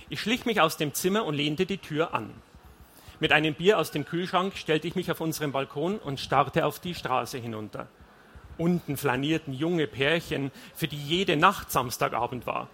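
Male reader, first-person audiobook, wry and confessional, bright tone, slightly raised pitch. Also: a little hiss or hum. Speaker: audiobook narrator.

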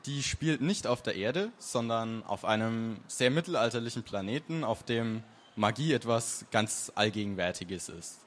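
A man reads aloud from a fantasy novel he wrote. His voice sits low and his delivery is measured and unhurried. He tells the story calmly, in a literary reading style. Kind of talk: calm literary reading with spoken introduction.

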